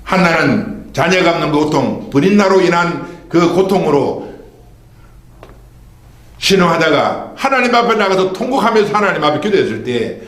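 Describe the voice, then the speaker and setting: Pastor, male, fairly high voice, lively swinging delivery, rhetorical questions, reverberant sanctuary. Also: moderate pace. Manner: preaching with rhetorical questions and call-and-response. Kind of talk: Sunday sermon. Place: church sanctuary. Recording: echoey church hall.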